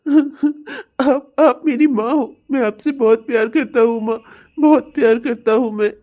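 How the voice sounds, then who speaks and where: A woman's voice: sits high, unhurried, darkish tone. A woman voicing a devoted young son in a cartoon, anxious, pleading and tearful. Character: devoted young adult son Nikhil, emotional. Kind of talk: cartoon voice acting.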